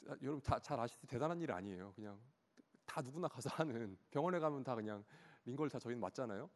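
Man, 30s, pastor, sermon storytelling, lively up-and-down voice, long hall reverb. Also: medium pitch, fast. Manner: storytelling, animated, acts out his child's cries.

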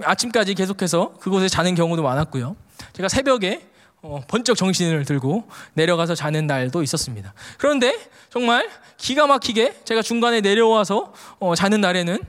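Preacher, man, high pitched; animated storyteller who acts out quotes; long hall reverb. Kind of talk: storytelling sermon.

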